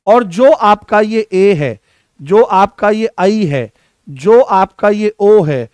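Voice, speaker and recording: A male teacher coaching students for an exam. He repeats key points, quizzes the class with questions and stretches vowel sounds out slowly to show them. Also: high-pitched, animated, a little mellow, clear, resonant tone, no echo. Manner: addresses students affectionately as "babu".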